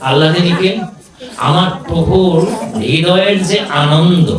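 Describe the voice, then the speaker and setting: A man's voice: high-pitched, fairly even intonation, measured pace, a crowd in the background. A man, a religious scholar, giving a devotional discourse, asking rhetorical questions and chanting names in a sing-song way. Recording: echoey room, far from the mic.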